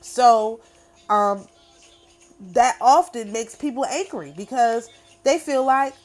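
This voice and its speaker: A middle-aged woman who hosts a spiritual channel speaks casually to camera in an emphatic, repetitive, boastful monologue. Her voice is on the high side with a darkish tone, and she takes her time.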